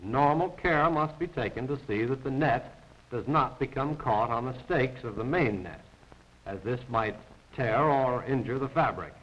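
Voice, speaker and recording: Recorded apart from the picture, this voice-over for a 1940s military training film comes from a man speaking a bit slowly in a mid-range, fairly bright voice. His scripted delivery is formal, exact, and instructive, heard through a dull, narrow-band 1940s soundtrack.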